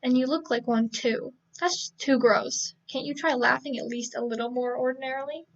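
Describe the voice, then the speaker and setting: A woman reading the lines of a cold, sharp-tongued teenage boy from a novel, in a curt, insulting manner. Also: sits high, moderate pace, recorded from a distance, muffled recording. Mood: cold, scornful. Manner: curt, insulting, flat delivery.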